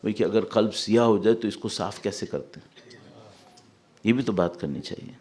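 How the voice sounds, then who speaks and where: A man giving a religious sermon as a cleric, mixing English words into his talk and reciting Arabic verses slowly, swinging from emphatic peaks to soft low asides. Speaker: Shia cleric giving a Muharram majlis.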